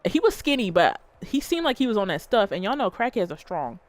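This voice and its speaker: Lively, profane woman streamer. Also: medium pitch, brisk, dry recording. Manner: profane, animated, talks straight to chat. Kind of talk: casual livestream storytelling and chat.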